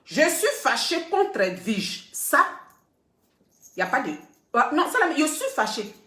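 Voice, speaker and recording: A woman's voice: sits high, very animated, unhurried, bright, forceful tone. A middle-aged woman blogger talking casually to her viewers, emphatic and repeating points for stress. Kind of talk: casual live video talk. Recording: roomy echo.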